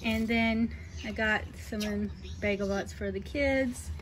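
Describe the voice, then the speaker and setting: A woman showing off her groceries in a casual home vlog, chatty and unhurried, with frequent ums. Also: on the high side, steady tone, background noise. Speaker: vlogger, mother. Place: home kitchen.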